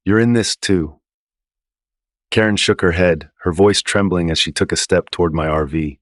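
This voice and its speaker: A man reading a first-person horror story in a low, tense storytelling manner. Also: steady tone, fairly quick, dry recording, studio quality. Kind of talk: scripted first-person narration.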